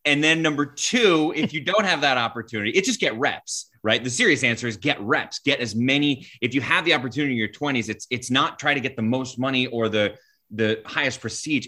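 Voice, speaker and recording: A man in his forties, a sports broadcaster, telling stories in a podcast interview, animated and full of restarts. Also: medium pitch. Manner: animated, acts out quoted voices, many restarts.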